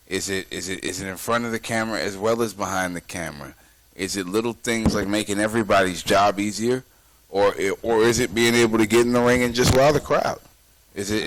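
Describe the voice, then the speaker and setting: A man's voice: lowish voice, slight background noise. Rambling male podcast co-host. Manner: rambling, many repeated restarts. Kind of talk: casual chat.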